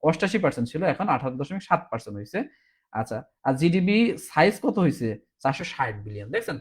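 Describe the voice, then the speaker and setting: A man's voice: a little high, sing-song, fast talker, husky. A man teaching a recorded exam-prep class, explaining step by step and often asking "ঠিক আছে?", sounding tired. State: tired, low on energy.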